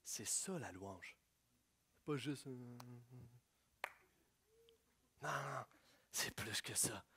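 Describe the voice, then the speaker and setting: A man preaching a sermon, swinging from hushed prayerful lines to loud, excited storytelling. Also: medium pitch, drawn-out words, noisy background. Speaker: pastor.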